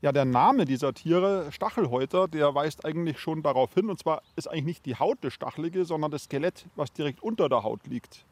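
A man's voice: a little high, expressive, brisk, few pauses, darkish tone, no echo. A man speaking as an expert in an interview, explaining vividly and with fascination.

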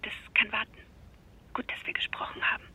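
A middle-aged actress playing an anxious mother who speaks hushed and hesitant on a phone call, in a radio drama. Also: on the high side, level tone, normal speed, a little hiss or hum. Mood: whispering.

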